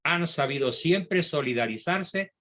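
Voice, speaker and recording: A man giving a history lecture, reading passages of a speech aloud slowly and repeating key phrases. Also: fairly high pitch, lively intonation, a bit bright.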